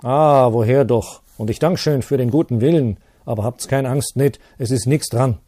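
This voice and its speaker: A man voicing a hot-tempered village pastor, husky and shouting in rage. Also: medium pitch, normal speed, dry recording, clean studio sound, pitched above the performer's own voice, natural voice. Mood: reassuring.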